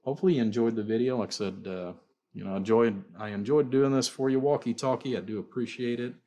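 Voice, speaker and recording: This man's mid-range voice is warm and quick as he casually demos the amplifiers he makes and sells. He rambles on, repeating "you know" and "like I said" throughout.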